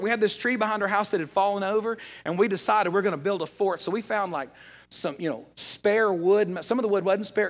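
Pastor, man, high voice, conversational sermon with funny stories. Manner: conversational, storytelling with humor.

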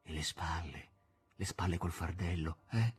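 A man reading aloud voices a passionate young woman in a high, breathy voice, tender and pleading at times, gushing with joy at others. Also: lively intonation, unhurried, dark tone, faint music behind, exaggerated voice. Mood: tender, tearful.

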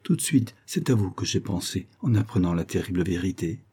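A man's voice: low voice, lively intonation, brisk, dark tone, slightly rough, exaggerated voice. A man voicing an anxious young woman who pleads with a trembling urgency, in an audiobook reading. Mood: pleading.

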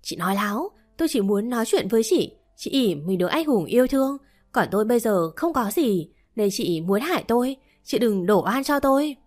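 A woman voicing a vengeful young woman who shouts shrilly in a storybook reading. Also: on the high side, very animated, a little fast. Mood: shrill, defiant.

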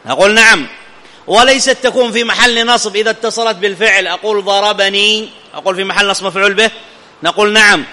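A male teacher with a high, piercingly bright voice leads a classroom grammar lesson. He keeps asking students questions and checking whether they follow. The sound rings out in a long hall reverb. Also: fairly even intonation, fast talker.

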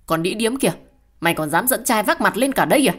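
A woman voicing a brutal, foul-mouthed husband who shouts insults in an audio story. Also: sits low, moderate pace, lightly acted. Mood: angry shouting.

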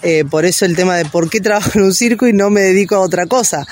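A woman's voice: lowish voice, fast talker, a little mellow, a little hiss or hum. An Argentine woman talking casually in an interview, rambling with many fillers and restarts. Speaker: interviewee, circus worker.

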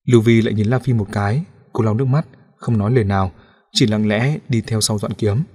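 A man narrating a novel for an audiobook, his voice low and slightly husky. He tells the story in a steady, even manner. The delivery stays measured throughout.

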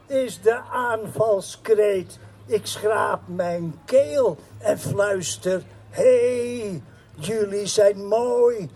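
A high-pitched man recites poetry at a very slow, deliberate pace. His voice is husky and breathy, with a dark, mellow tone. He lands each line in rhythm and circles back to a repeating refrain. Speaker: poet.

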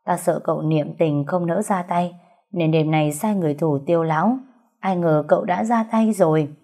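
A woman's voice: lowish voice, normal speed, warm tone. A woman reading an audiobook, voicing an older male gang leader who speaks in a hearty, commanding way. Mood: pleased. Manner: pleased, hearty.

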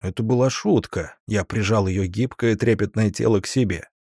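A man narrating a novel in the first person with a steady, wry storytelling manner. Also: on the low side, normal speed, slightly rough, no echo, studio quality. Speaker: audiobook narrator.

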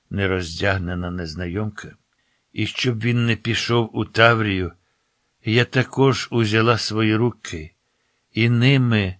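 A man narrating a literary story as an audiobook, measured and unhurried, his phrase endings dropping soft. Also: fairly low pitch, dry recording. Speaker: audiobook reader.

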